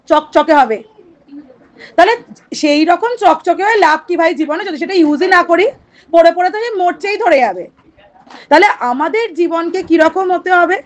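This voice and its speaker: A woman explaining a poem to her students, asking questions and reading lines of verse slowly. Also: extremely high pitch. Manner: talks directly to students, asks and answers her own questions. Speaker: literature teacher.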